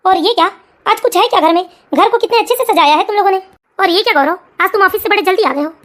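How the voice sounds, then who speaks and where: A proud, stubborn older father, a retired clerk in an animated family tale, voiced by a woman. He talks fast in a very high voice, earnest and a little puzzled by his family. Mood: teasing. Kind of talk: cartoon family story voice acting.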